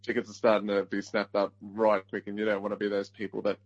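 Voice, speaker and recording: A man co-hosting a casual sports podcast, jokey and quick to laugh as he plugs an event. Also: fairly low pitch, completely flat delivery, dry recording, highs cut off. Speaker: podcast co-host.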